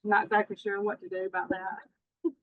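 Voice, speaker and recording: A woman's voice: medium pitch, level tone, fairly quick, no echo. A woman reads out a committee report over a remote call. Her voice comes through a headset muffled and dull, as if underwater, and completely dry. She keeps her delivery plain and apologetic. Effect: muffled, underwater-sounding remote headset audio. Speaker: committee representative giving a report. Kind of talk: reading a meeting report.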